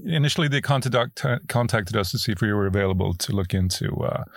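A man with a creaky, fairly low voice gives explanatory answers in an interview. He is measured, pausing to find words, and the recording is dry. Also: dry recording. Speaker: executive creative producer, guest.

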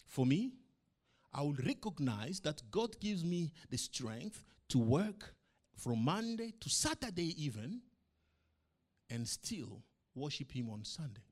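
A middle-aged pastor, not a native English speaker, preaches a sermon to his church, firing off emphatic rhetorical questions and swinging between loud and soft. His fairly high voice has a sing-song quality, and he speaks slowly.

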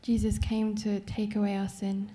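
Female church interpreter, live sermon translation into English; flat, mellow, a touch of fry. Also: mid-range voice, moderate pace. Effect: live English translation of a French sermon, line by line.

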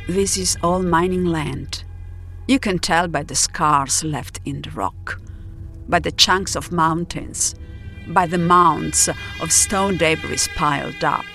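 An Italian woman with an Italian accent narrates an audio drama in a reflective, poetic, scripted style, with music behind her. Her voice is deep, slow and gravelly.

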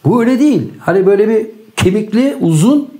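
An older man from Turkey chatting casually, telling animated, joking stories and acting out what people said. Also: sits high, quick pace. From Turkey, grew up in Bursa. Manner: animated joking storyteller, acts out quotes. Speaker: co-host. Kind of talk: casual chat. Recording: roomy echo.

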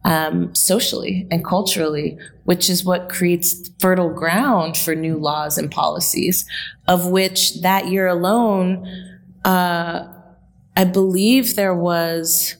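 A woman in her late thirties speaks as a guest in a conversational interview, telling a story reflectively with frequent fillers. Her voice is lowish, her tone steady, and her pace slow.

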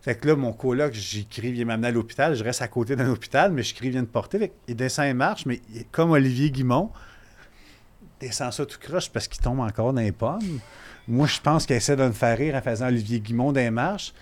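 A young man with a Quebec French accent, a podcast guest telling a story in an animated way and swearing casually. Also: mid-range voice, a little fast.

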